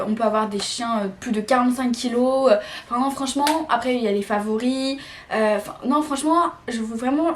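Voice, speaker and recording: A seventeen-year-old girl with a French accent talking casually to camera, chatty and giggly, full of fillers and restarts. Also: a little high. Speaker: vlogger.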